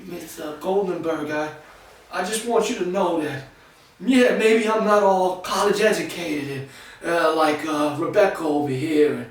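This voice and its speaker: Casting: man as a cocky, slangy young rapper husband; high voice, distant roomy mic. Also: a little slow. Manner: swaggering street slang, cocky. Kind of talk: improvised sitcom acting.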